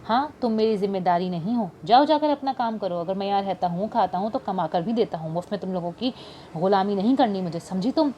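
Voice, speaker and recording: A woman's voice: medium pitch, a little fast, mellow, a little hiss or hum, lightly acted. A woman voicing a resentful young man who talks back defiantly in an audiobook. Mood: angry. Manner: defiant, scornful.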